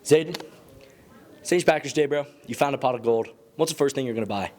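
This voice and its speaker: A man's voice: mid-range voice, fairly quick, a little mellow. A young man doing casual, joking street interviews as a student reporter, slangy and upbeat.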